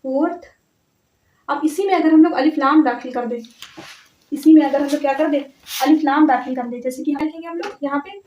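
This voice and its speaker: A woman teaching a grammar lesson step by step, patient, repeating words slowly and often checking that her students follow. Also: sits high, a little mellow, slight background noise. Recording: echoey, distant, slightly dull audio.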